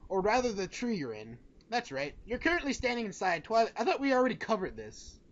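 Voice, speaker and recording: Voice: mid-range voice, huge pitch swings, brisk, highs cut off. A story reader narrating fan fiction informally, giggly and tripping over words, with asides to friends.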